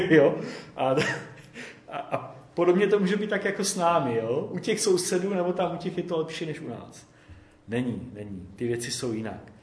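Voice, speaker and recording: Man, preacher, conversational sermon, roomy echo, church. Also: mid-range voice. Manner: conversational, often adds "jo?".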